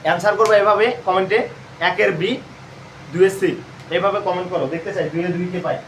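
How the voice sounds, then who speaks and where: High-voiced Bangladeshi Bengali teacher, echoey room. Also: male voice, steady tone, quick pace, far from the mic. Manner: repetitive quizzing, asks and answers own questions. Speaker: admission coaching teacher. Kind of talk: live online lesson. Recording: roomy echo, voice off-mic, faint hum.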